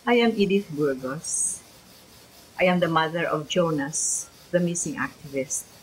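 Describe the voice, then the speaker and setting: An older woman from the Philippines gives her account slowly and deliberately. Her voice sits low. It is recorded on a close camera mic with a faint hiss. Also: rough recording. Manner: slow, measured testimony. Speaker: mother of a missing activist.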